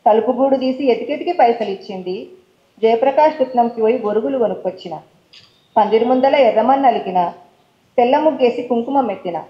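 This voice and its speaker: A woman's voice: on the high side, fairly quick, roomy sound, lo-fi sound. A woman with a Telangana accent, a poet on stage who chats casually between poems and recites her verse in a rhythmic way. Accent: Telangana Telugu. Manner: casual talk mixed with English words. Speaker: poet reading her own work. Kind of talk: poetry recital with chatty introductions. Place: stage at a poetry forum event.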